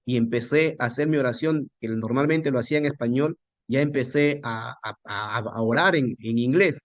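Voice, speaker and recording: Halting man telling a missionary testimony. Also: medium pitch, no echo. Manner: halting with many restarts, animated quoting of himself. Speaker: pastor and missionary. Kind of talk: storytelling testimony.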